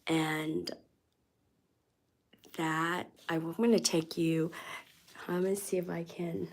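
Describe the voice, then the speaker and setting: A woman chatting casually on a live stream while decorating her office, a bit hoarse from a cold and rambling with lots of ums. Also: lowish voice, flat delivery, slow pace. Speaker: vlogger.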